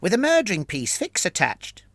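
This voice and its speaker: A squeaky, curious ratman soldier, as a man puts him on, asking questions in clipped and broken grammar. His pitch climbs and jumps as he speaks. The sound is dry and close. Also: huge pitch swings, moderate pace, creaky, fairly bright tone, dry recording, full character voice. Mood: questioning. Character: curious male ratman soldier escorting an engine.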